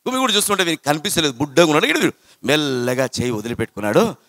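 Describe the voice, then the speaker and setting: High bright man, storytelling to students. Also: rapid-fire, no room sound, studio quality. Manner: animated, repetitive, chanting. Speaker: motivational speaker to students. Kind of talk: storytelling talk with sung verses.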